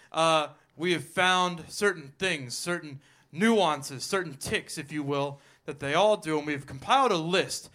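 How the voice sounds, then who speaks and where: A man's voice: high-pitched, sharp tone. A man co-hosting a live comedy show, joking and laughing often as he explains the rules. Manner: jokey, laughing often, playful.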